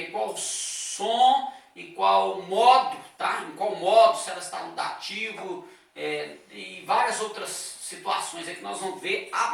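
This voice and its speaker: A man's voice: high voice, gravelly, a bit bright. A man teaching a lesson, explaining step by step and checking in with his listeners often. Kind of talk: classroom lecture. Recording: echoey room, voice from a distance.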